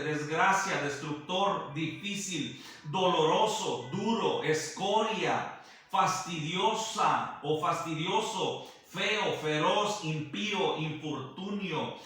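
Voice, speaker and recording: A man preaching a sermon, speaking slowly and deliberately and often addressing his listener as brother. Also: on the high side, sharp tone. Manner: slow and deliberate, repeatedly calling the listener brother. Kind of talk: sermon teaching. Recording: roomy echo, heard from a distance, faint music behind.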